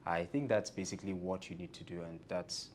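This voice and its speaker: A man's voice: steady tone, a little fast, darkish tone. A man hosting a casual interview as the interviewer, often chiming in with short affirmations. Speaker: interviewer and host. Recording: rumbly background noise.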